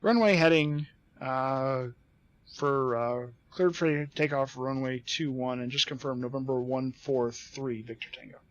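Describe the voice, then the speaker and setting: A man's voice: medium pitch, steady tone, unhurried, no echo, highs cut off. A man speaking as a pilot into a cockpit headset, making clipped, businesslike radio calls to air traffic control. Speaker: flight simulator streamer acting as pilot. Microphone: headset mic.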